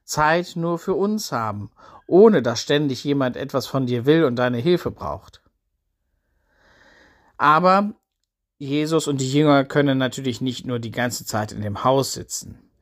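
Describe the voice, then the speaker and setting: A man telling a Bible story for children. He speaks in short, simple sentences with a gentle, steady storytelling manner. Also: mid-range voice, measured pace.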